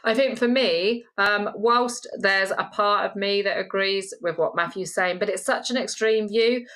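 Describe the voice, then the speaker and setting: A middle-aged woman co-hosts a casual social media commentary show, her mid-range, slightly bright voice keeping a measured pace. She rants emphatically and passionately as she makes her points.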